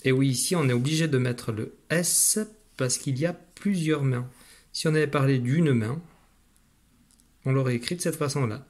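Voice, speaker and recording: A man's voice: medium pitch, normal speed, darkish tone. A man teaching a phonics lesson to a young child, patient and encouraging, speaking straight to the learner.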